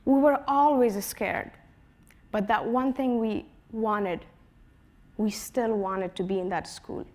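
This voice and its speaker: Speaking slowly with a slightly high, fairly even voice, an Afghan woman in her twenties gives a prepared personal talk at a conference. She tells her story earnestly, letting her voice fall softly at the close of each phrase.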